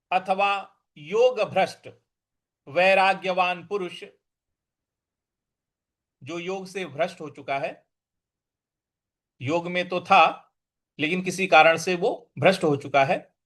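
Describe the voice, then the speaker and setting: A man teaching a scripture lesson, reciting verses in a slow chant and explaining each word with careful repetition. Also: sits high, fairly bright tone. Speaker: Gita teacher.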